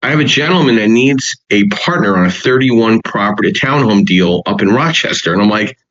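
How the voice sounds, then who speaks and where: A man's voice: on the low side, lively intonation, a little fast, fairly bright tone, dull audio. A man hosting a real estate podcast, reading short punchy points and then chatting loosely with restarts. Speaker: podcast host. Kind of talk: podcast talk, partly read notes.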